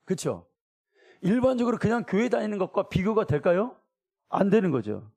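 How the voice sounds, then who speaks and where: Man preaching, higher voice, lively pitch swings, acts out quotes, middle-aged pastor. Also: normal speed, creaky. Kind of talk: sermon.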